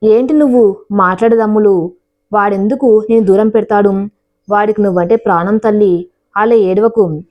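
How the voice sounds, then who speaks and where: A woman's voice: mid-range voice, moderate pace, pauses often, lo-fi sound, lightly acted. A woman voicing a kind, tearful middle-aged mother-in-law who speaks tenderly to her daughter-in-law in a told story.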